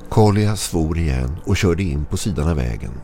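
A man narrating a scripted horror story in a measured, ominous way. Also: very deep voice, lively intonation, dark tone, a little hiss or hum.

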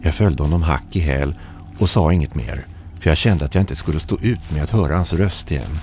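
A man reading an eerie first-person story aloud in a measured, calm narrating manner. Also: very deep voice, faint music behind.

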